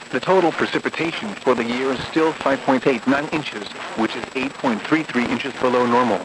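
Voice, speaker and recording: This is an automated weather bulletin, read from a script by a mid-range, synthetic-sounding male voice. The reading is flat and methodical, heard over a noisy radio broadcast.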